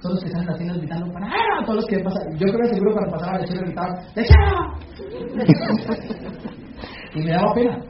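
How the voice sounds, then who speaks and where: A man giving a motivational talk to a business meeting, putting questions to the audience and acting out shouted calls. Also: sits high, rapid-fire, few pauses, background noise. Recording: echoey, dull hall recording from far off.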